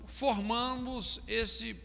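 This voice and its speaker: Very high-pitched and extremely slow, the man's voice is gravelly, bright and forceful yet steady in tone, trailed by long reverb. A pastor giving a recorded counseling lecture, he explains, emphasizes key words and frequently uses the tag question "não é?"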